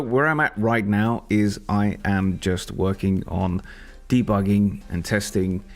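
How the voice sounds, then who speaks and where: A man's voice: lowish voice, creaky. A man thinking aloud and rambling as he codes on a casual live stream. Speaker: software developer live-streaming.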